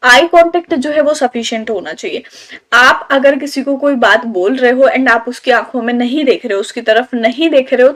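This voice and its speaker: A woman teaching a commerce lecture, reading English lines slowly and explaining them in Hindi. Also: high voice. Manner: often ends phrases with "theek hai".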